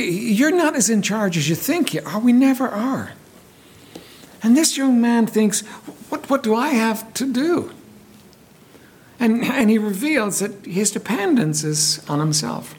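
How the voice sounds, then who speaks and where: A man's voice: high-pitched, breathy edge. A man preaching a sermon in an earnest way, often repeating and restarting his words.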